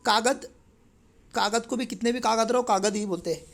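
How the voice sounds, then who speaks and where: An extremely high-pitched male voice, a bit bright and at a moderate pace, belongs to a teacher walking through an exam paper. He's chatty and conversational, a native Marathi speaker who often checks in with tag questions.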